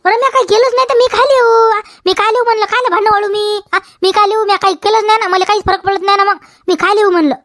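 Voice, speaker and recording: A woman's voice: very high-pitched, fairly even intonation, quick pace, fairly bright tone, no echo, studio quality. A woman with a Vidarbha Marathi accent playing a quarrelsome village wife who argues back and repeats her questions in a comedy sketch. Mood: dismissive. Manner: argumentative, repeats questions, tags "हा?".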